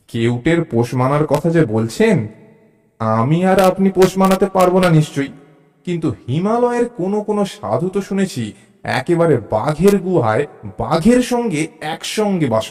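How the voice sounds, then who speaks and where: An actor with a slightly high male voice narrates a suspense audio story at an unhurried pace, playing a curious, mild, observant traveler in an expressive storytelling style. His mood is amused and wry, with background music underneath.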